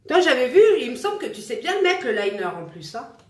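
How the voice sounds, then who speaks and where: A woman with a fairly high voice talks casually to her viewers as she works through a makeup look. She is chatty and pokes fun at herself along the way. The room around her is echoey. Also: very animated, fast talker, a bit bright. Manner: chatty, self-mocking, talks to viewers while applying makeup. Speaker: makeup vlogger. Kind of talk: casual makeup tutorial livestream.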